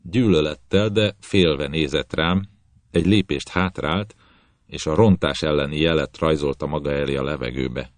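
A man reading a novel aloud in the first person, calm and measured. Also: a bass voice, no echo. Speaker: audiobook narrator.

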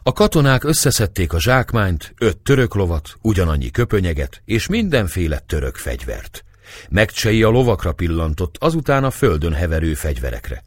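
A man reading a historical novel aloud in steady storytelling narration. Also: low-pitched, no echo. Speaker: audiobook reader.

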